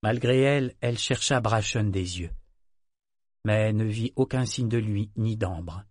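A man narrating an audiobook in a measured, even reading. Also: lowish voice, no echo, studio quality.

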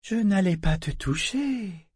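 A gentle young bead maker with a lifted, soft voice that moves slowly and searches for words, as a man reads her. Dry, close recording, in an unhurried storybook reading. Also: high-pitched, expressive, husky, no echo, voice pushed up, exaggerated voice. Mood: probing.

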